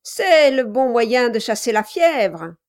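A woman's voice: a little high, sing-song, takes it slowly, pitched above the performer's own voice. A woman reading an audiobook, voicing a malicious, cruel dwarf man who barks orders and taunts with mock sweetness. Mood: bullying.

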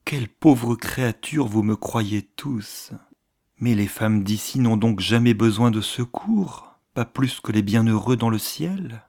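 A man reading the lines of a troubled, quick-tongued young countess in an audiobook, his voice rising as she pleads. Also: mid-range voice, expressive, darkish tone. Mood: plaintive.

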